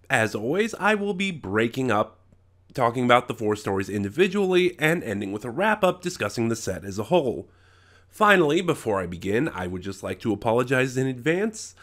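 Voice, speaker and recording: In a medium-pitched, slightly bright voice, a man with a head cold offers his unscripted opinions in a relaxed review. He pauses often and reworks his phrasing while he thinks.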